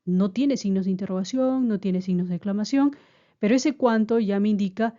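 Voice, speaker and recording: A woman's voice: medium pitch, fairly quick, mellow, lo-fi sound. Patient Spanish-speaking woman teaching grammar. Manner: patient, explanatory, repeats key points. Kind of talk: spoken grammar lesson.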